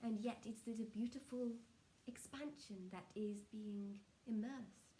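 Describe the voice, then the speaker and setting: A woman speaking as a trance channelling seance medium, solemn and measured, delivering spiritual messages in short halting phrases. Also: on the high side, dark tone, slight background noise, poor audio.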